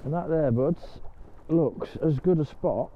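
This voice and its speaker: A man's voice: a little high, takes it slowly, highs cut off, slight background noise. An older man chatting casually to camera while kayaking on a canal, talking to his dog now and then. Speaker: vlogger. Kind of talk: casual vlog chat.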